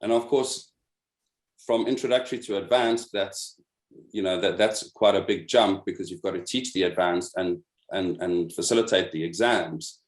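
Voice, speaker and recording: Low-voiced man explaining in an echoey room. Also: moderate pace. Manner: patient, explanatory, repeats words while searching. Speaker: meeting presenter and instructor program lead. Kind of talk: explaining a program on a video call. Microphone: video call.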